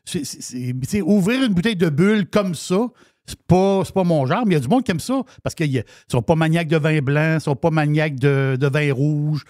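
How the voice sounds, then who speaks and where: A chatty man with a Québécois French accent, talking about wine on the radio in a slightly high voice. He restarts and repeats his words often. The studio sound is dry and close. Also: lively intonation, normal speed, darkish tone, dry recording. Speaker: wine columnist. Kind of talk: casual radio chat.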